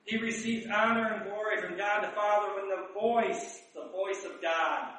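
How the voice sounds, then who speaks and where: A man giving a chatty Bible teaching, asking rhetorical questions and reading verses slowly. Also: high-pitched, fairly even intonation, fairly bright tone. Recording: roomy echo, distant mic.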